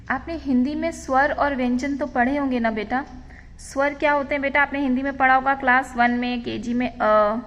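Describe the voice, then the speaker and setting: High-voiced woman teaching grammar in Hindi and English. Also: a bit bright, dull audio. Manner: patient, mixes Hindi and English, calls the children "beta". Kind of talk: classroom grammar lesson. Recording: hall-like reverb.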